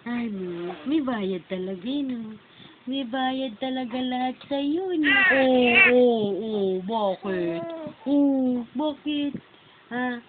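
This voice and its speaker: A woman's voice: on the high side, takes it slowly. A woman talking to her baby in a home video, cooing, teasing and coaxing in singsong baby talk. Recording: tinny phone-like home video with loud noise.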